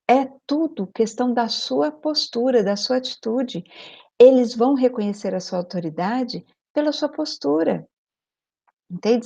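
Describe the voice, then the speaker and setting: A woman's voice: on the high side, vocal fry, mellow. A middle-aged woman coaching parents, speaking emphatically, repeating her key points and checking that the listener follows. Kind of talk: advice video monologue. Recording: dull lo-fi recording.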